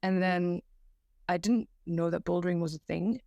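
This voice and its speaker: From the floor of a new room at home, a young Belgian climbing competition volunteer chats on a podcast, casual and self-mocking, stumbling through fillers and restarts. Her voice is fairly low and dark with vocal fry, steady in tone and moderate in pace. The home microphone gives a lo-fi but echo-free sound.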